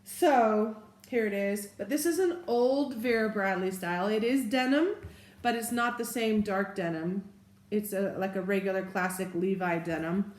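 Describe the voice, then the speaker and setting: A chatty woman talks through her things in an unhurried, casual way, pointing out each detail as she goes. Her voice sits at an ordinary middle pitch. The room around her gives a noticeably roomy echo. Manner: chatty, unhurried, describing items step by step. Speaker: vlogger. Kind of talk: casual bag show-and-tell.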